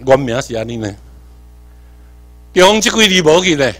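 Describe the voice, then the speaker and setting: A man from Tainan with a Taiwanese accent, giving an animated workshop lecture, quizzing the audience and swinging between emphatic and muttered asides. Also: fairly high pitch, moderate pace. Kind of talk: seminar lecture mixing Hokkien and English terms.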